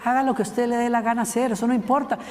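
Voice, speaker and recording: High-voiced guy preaching, chatty storytelling sermon, lots of questions to the crowd, long churchy echo. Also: fairly even intonation, very fast. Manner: conversational storytelling with rhetorical questions and jokes.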